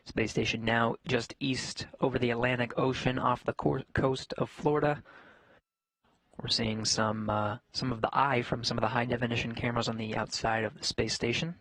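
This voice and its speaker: Even-toned man, dry studio sound. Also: medium pitch, normal speed, dry recording, poor audio. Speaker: mission commentator. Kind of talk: live space mission commentary.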